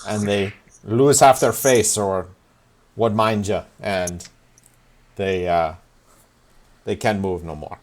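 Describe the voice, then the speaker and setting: A man's voice: fairly low pitch, fairly even intonation, slow pace, long pauses. A man voicing a short, greasy-haired human fight promoter who talks in a brusque, folksy, businesslike way. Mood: matter-of-fact.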